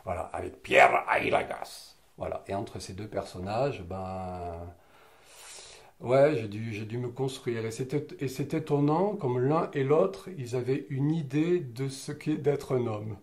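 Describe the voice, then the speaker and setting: A man in his fifties from French Catalonia, telling stories about his youth in a lively way, with frequent hesitations and laughter. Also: medium pitch, measured pace. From French Catalonia, southern France. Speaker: interviewee. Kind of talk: personal reminiscing in conversation.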